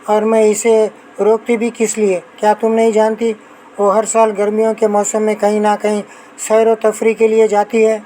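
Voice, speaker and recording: A woman reading an audiobook novel, voicing a sharp-tongued older grandmother who taunts and scolds. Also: medium pitch, completely flat delivery, slight background noise, lightly acted, poor audio. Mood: scolding.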